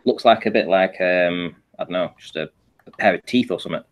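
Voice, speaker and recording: Speaking a little fast in a deep voice, this male panel guest explains a photo analysis informally. He guides listeners through the images one step at a time and checks they're keeping up.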